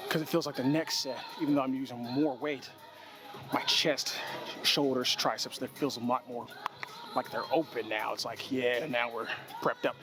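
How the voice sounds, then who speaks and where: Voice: medium pitch, low-quality recording. Casual young gym vlogger, music playing behind. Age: 20s. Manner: slangy, swearing. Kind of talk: casual workout vlog chat.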